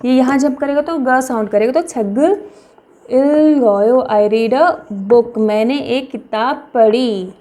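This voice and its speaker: A young woman teaching a language lesson, repeating each word slowly for practice. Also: sits high, mellow. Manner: slow, repeats words for practice.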